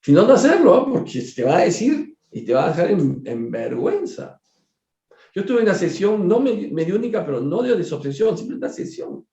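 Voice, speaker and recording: Male study leader, animated and repetitive, slightly high voice, roomy lo-fi sound. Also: a little fast. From Peru. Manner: animated, repeats words, jokes and acts out dialogue. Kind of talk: study group talk. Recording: echoey room, dull lo-fi sound.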